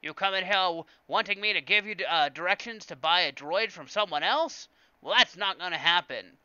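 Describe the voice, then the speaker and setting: A man voicing a gruff, greedy male alien junk dealer who talks loud and pushy while he haggles. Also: sits high, normal speed, dry recording, dull audio, voice pushed up.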